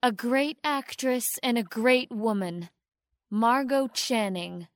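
In an audio drama, a woman plays a poised young actress who speaks in a high, slow voice. She is formal and demure, sweetly grateful but with calculated polish, and she pauses deliberately as if giving an acceptance speech. The recording is close and dry.

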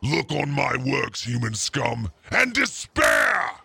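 A man voicing a boastful demon who has possessed a young girl, making grandiose, menacing proclamations in a raspy voice. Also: mid-range voice, very animated, slow pace, pushed and bright, no room sound, heavily acted. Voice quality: gravelly and raspy.

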